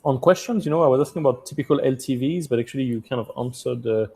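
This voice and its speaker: A man with a French accent hosts a webinar from a hotel room over a video call, speaking haltingly with many restarts and uh's. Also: medium pitch, vocal fry, warm tone, slightly rough. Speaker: host of an investor community webinar. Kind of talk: hosting a webinar Q&A.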